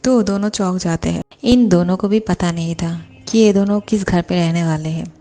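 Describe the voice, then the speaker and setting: A woman's voice: on the low side, normal speed, dark tone. A woman hosting her channel, retelling a fan fiction story in a chatty, explaining way.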